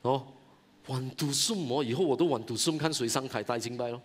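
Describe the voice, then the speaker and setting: A man, a pastor giving an animated, exclamatory sermon at a church conference. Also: medium pitch, brisk.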